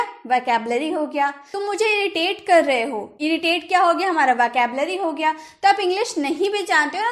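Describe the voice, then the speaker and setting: A woman English teacher with an Indian accent giving a vocabulary lesson, repeating each word slowly and reading out example sentences. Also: very high voice, fairly bright tone.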